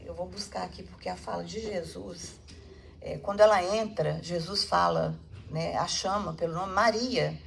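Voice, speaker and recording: A woman with a Brazilian accent giving a spiritual public lecture, retelling a story in a lively way with frequent tag questions. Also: fairly low pitch, moderate pace, vocal fry, slight background noise. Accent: Brazilian Portuguese. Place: meeting hall.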